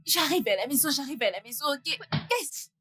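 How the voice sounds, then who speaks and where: A woman playing an irritable, sharp-tongued young woman in dubbed film dialogue, with snappy questioning. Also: high voice, expressive, moderate pace, soft background music. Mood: exasperated.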